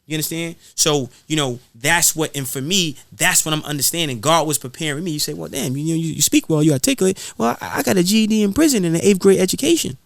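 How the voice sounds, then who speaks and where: Being interviewed on a podcast, a rapper speaks with impassioned, preachy fervor and repeats phrases for emphasis. His fairly high voice has vocal fry, moving quickly with few pauses, and the recording is dry.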